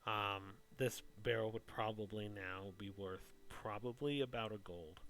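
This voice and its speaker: A man's voice: lowish voice, measured pace, fairly bright tone, a little hiss or hum, poor audio. A man narrating a tabletop game as game master, casual, explanatory and a little hesitant.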